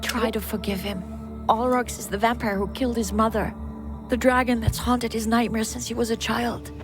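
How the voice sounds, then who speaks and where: An actress playing a gentle, protective, wistful middle-aged mother in an animated series, speaking softly and earnestly. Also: a little high, moderate pace, over music, close to an everyday voice. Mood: concerned.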